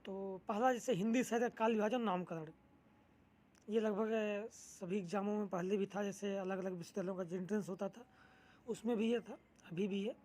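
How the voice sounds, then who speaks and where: A woman's voice: medium pitch, fairly even intonation, moderate pace, mellow. A young woman teaching, steadily explaining an exam syllabus with frequent fillers.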